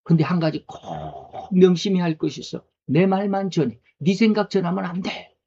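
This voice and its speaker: Higher-voiced man preaching a sermon. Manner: conversational preaching with rhetorical questions. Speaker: pastor. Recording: dull lo-fi recording.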